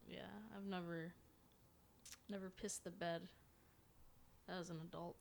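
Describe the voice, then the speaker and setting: A woman's voice: fairly low pitch, little pitch movement, unhurried, gravelly, darkish tone, slight background noise. A young woman co-hosting a podcast, chatting casually with dry, blunt quips. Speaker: podcast co-host. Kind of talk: casual chat.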